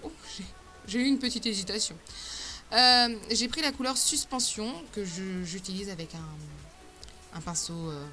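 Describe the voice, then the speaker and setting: Chatty woman vlogger: bright, tense tone, casual tutorial talk, frequent fillers and self-corrections. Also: medium pitch. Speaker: beauty vlogger. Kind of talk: casual makeup tutorial chat.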